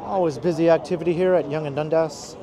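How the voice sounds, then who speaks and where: A man with a slightly high voice gives casual commentary as he leads a walking tour. He is recorded outdoors on a busy street, with clear city noise behind him. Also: steady tone, fast talker. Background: city traffic and street noise.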